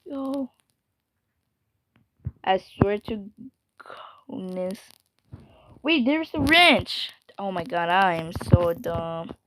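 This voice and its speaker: A woman giving casual game commentary, calling herself dumb and swinging from whispers to sudden yells. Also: mid-range voice, animated, extremely slow, pauses often, slight background noise. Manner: self-mocking, jumpy, drops into whispers and sudden yells. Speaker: gamer.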